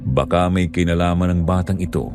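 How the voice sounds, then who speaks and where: A man telling a scripted horror story in a hushed, suspenseful way. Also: deep voice, steady tone, brisk, over loud music.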